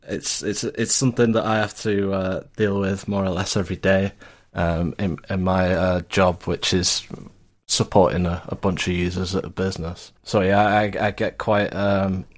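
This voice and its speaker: A man in his twenties with a northern English accent, a guest on a casual podcast chat over an internet call, talking haltingly with many restarts. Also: sits low, little pitch movement. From North of England, Lancashire. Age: 20s. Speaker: podcast guest, IT support worker.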